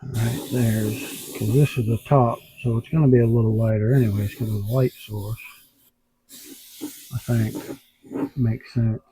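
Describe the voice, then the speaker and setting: A man's voice: fairly low pitch, steady tone, unhurried, long pauses, dark tone, slight background noise. A man airbrushing in his home workshop, thinking aloud and muttering to himself as he works, with the hiccups, recorded on a tablet camera. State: has the hiccups. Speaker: airbrush artist. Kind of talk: casual talk while working. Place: home workshop under overhead lights.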